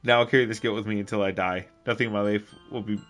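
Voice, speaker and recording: Young male let's-play host, a bit low and very bright, jokey and rambling, soft game music underneath. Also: fairly even intonation, fast. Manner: loud, jokey, rambling, with bursts of shouting. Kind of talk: game commentary and reading dialogue aloud.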